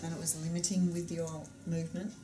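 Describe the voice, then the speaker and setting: A woman gently questions a client during a tapping therapy demonstration in front of a class. Her voice sits on the lower side, and she affirms often as she probes. The recording carries a clear layer of room noise. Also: level tone, brisk. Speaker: EFT practitioner running a class.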